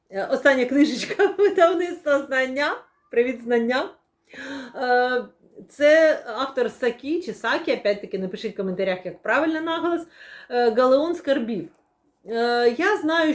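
A woman's voice: fairly high pitch, a little mellow. A young woman chatting casually as she unboxes and shows new books, with many fillers and playful laughs. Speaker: book vlogger. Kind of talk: casual book unboxing chat.

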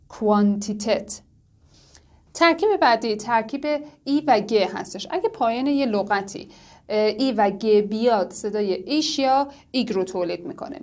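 A woman teaching a language lesson. She says the example words slowly and drawn out, then explains each one at a quicker pace. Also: mid-range voice, a little mellow. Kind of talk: lesson narration.

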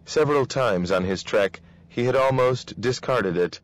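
A man reading a novel aloud in a steady, measured way. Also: mid-range voice. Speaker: reader.

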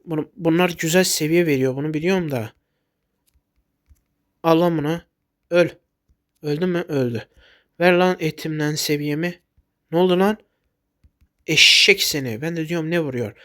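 Guy playing a game, a bit sick, fairly high voice, yelps and blurts stuff out. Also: moderate pace, long pauses. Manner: excitable, blurts out short exclamations. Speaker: gaming YouTuber. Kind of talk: casual gameplay commentary.

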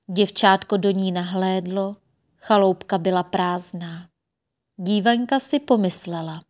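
A woman's voice: mid-range voice, darkish tone. Woman narrating a fairy tale.

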